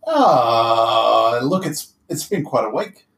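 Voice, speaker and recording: A man's voice: mid-range voice, sing-song, slow pace, fairly bright tone. A man co-hosting a podcast, dry-witted and hesitant, searching for words. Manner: hesitant, dry, full of "you know" fillers. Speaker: podcast co-host. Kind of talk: casual chat. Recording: echoey room.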